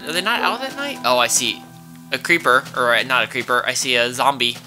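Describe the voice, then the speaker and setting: A man's voice: medium pitch, sing-song, brisk, sharp tone, faint music behind. A man casually commentating a video game he plays with his child, chatty and exclaiming as he thinks aloud. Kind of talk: casual let's-play commentary.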